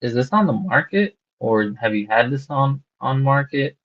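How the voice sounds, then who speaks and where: A man cold-calling a homeowner about buying her house, talking casually and haltingly with lots of fillers and restarts, heard over a phone line. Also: mid-range voice, animated. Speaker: real estate wholesaler cold-calling a seller. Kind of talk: casual sales phone call. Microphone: phone call. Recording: dull lo-fi call recording.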